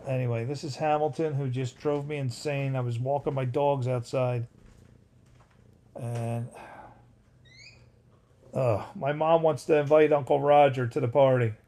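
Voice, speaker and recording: Gravelly rambling man in his fifties. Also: medium pitch, steady tone, measured pace, pauses often, warm tone. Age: 50s. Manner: rambling, breaks off to greet chat viewers. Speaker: livestream host. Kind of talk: casual livestream storytelling. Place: home.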